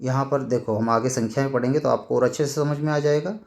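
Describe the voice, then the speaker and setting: A man teaching a Sanskrit grammar lesson, slowly reading out words and repeating them, with frequent checks that students follow. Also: medium pitch, fairly even intonation, gravelly, darkish tone.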